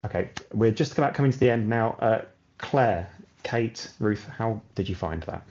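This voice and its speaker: A man hosting an interactive online session on escape room design, chatty and effusive with quick asides, heard through a video call. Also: lowish voice, darkish tone, lo-fi sound.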